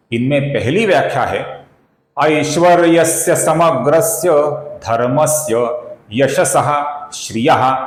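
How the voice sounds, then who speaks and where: A man's voice: medium pitch, echoey room, rough recording. A man teaching correct pronunciation of a Sanskrit hymn, explaining each syllable and chanting the verse line by line. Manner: slow, deliberate, addresses viewers as friends. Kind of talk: step-by-step pronunciation lesson with chanted recitation.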